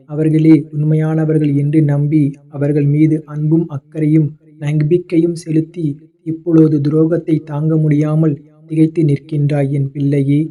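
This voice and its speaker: Man doing a fatherly male god, devotional address, consoling, dead flat monotone, very dark mellow tone. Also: fairly high pitch, close to an everyday voice. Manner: calm, consoling, repeats endearments. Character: fatherly male god comforting his child.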